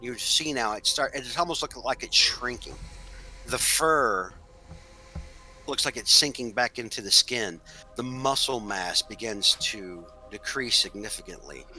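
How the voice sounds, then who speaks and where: Man, game master, tabletop horror narration, very bright voice, faint music behind. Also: medium pitch, unhurried, poor audio. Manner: loose, filler-heavy narration.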